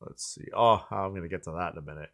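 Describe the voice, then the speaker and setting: Male host, forties, relaxed chat, rambling with fillers and restarts. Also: deep voice, quick pace, gravelly. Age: 40s. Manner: rambling, full of likes and restarts. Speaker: channel host. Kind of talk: casual chat.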